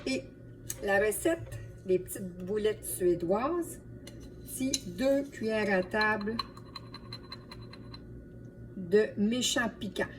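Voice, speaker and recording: A woman with a Quebec French accent, a home cook who hosts videos, gives a casual cooking demonstration and chats with viewers like friends. Her voice is medium-pitched and expressive, moving slowly with long pauses. The mic sits at a distance, picking up light background noise.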